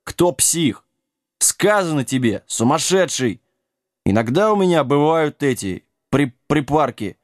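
A man's voice: on the high side, very animated, unhurried, no echo, clean studio sound. A man voicing a drunk, brash, self-styled mad king who talks in swaggering slang. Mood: tipsy swagger.

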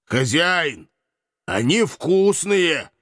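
A man's voice: fairly high pitch, sing-song, extremely slow, fairly bright tone, dry recording, clean studio sound, voice pushed up, exaggerated voice. A man voicing a hungry, simple-minded beast servant who speaks in broken phrases about himself in the third person. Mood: greedy. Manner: broken childlike speech, growls, talks of himself in third person. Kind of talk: audiobook character voice.

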